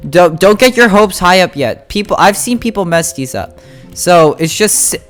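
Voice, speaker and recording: The speaker is a game guide host explaining play to viewers, music playing underneath. Pitch is medium; the delivery stays informal and halting, like someone thinking out loud as they play in a casual tutorial.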